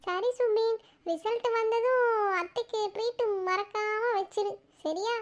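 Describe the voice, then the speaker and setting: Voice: very high-pitched, measured pace, dull audio. A voice actor playing a nosy, teasing village aunt in a cartoon who quizzes a boy about his marks. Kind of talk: cartoon voice acting.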